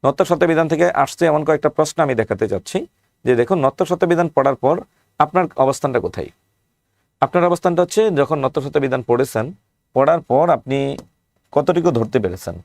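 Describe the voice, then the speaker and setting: A man's voice: on the high side, animated, quick pace, a little mellow, dry recording. A man with a Bangladeshi Bengali accent teaching an exam-prep lecture. He works through lists of past questions and asks rhetorical questions as he goes.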